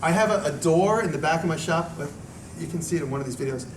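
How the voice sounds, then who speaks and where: A man's voice: a little high, fast. A man speaking informally to a live audience as a video maker, in a rambling, conversational way that often doubles back on itself. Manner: conversational, rambling, self-interrupting. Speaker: video maker giving a talk and taking audience questions. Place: echoey room at a live event. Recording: echoey room, distant mic, noisy background.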